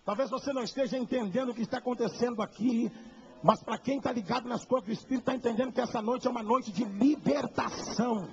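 High-voiced Carioca pastor preaching emphatically. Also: male voice, fast, dull audio, a little hiss or hum. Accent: Carioca Portuguese. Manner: emphatic, shouts at climaxes, dramatic storytelling. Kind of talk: evangelistic sermon storytelling. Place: church service.

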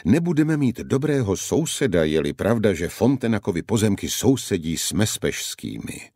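A man voicing a sardonic gentleman companion in an audiobook, with dry muttered asides. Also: lowish voice, sing-song, no echo. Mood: worried. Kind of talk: audiobook character voice.

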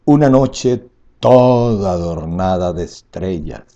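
Old guy in his 70s doing grand poetry declamation, really slow and drawn out, gravelly low voice. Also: animated, lo-fi sound. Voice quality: husky, gravelly. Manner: slow, dramatic phrasing with swelling emphasis and soft falls. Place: indoor room at home.

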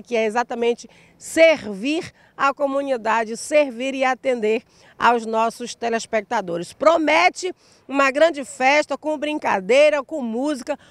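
Standing in a public square in the sunshine, a Brazilian woman in her thirties reports live for TV on a handheld mic. Her voice sits high with no echo, her tone is upbeat, and she lengthens key words for emphasis in a Brazilian Portuguese accent.

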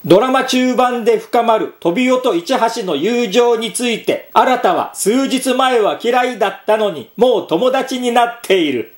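A man with a high voice talks through his own commentary podcast in a chatty manner. He reads passages aloud and drops in little filler sounds between them. The room around him gives an echo. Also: animated, measured pace, hardly any pauses. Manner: chatty, reading quotes aloud with frequent filler "un". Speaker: podcast host.

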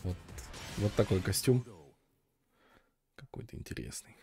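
A man's voice: fairly low pitch, sing-song, measured pace, vocal fry, dark tone, soft background music. A man giving casual gameplay commentary in short, offhand, muttered remarks. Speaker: gamer, video host. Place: voice-over on game footage.

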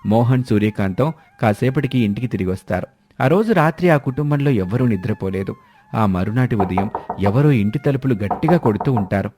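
A man's voice: medium pitch, animated, a little fast, mellow. Man narrating a moral story.

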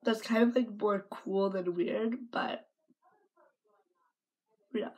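A woman's voice: medium pitch, fairly even intonation, slow, low-quality recording. A woman vlogger chatting casually and giggling between bites as she eats on camera. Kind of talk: casual vlog chat while eating.

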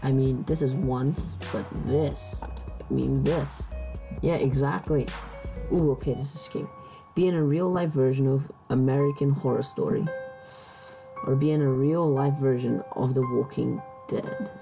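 A woman's voice: extremely low pitch, fairly even intonation, measured pace, creaky, over music. A woman vlogger musing aloud in casual chat, hesitant, with many restarts.

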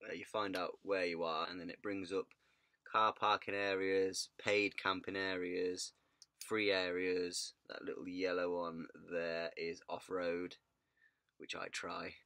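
A hoarse man, telling his vanlife story in a rambling, chatty way. He says he is losing his voice. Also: low voice, flat delivery, slow pace, bright, forceful tone. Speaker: vanlife vlogger. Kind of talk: casual vlog narration.

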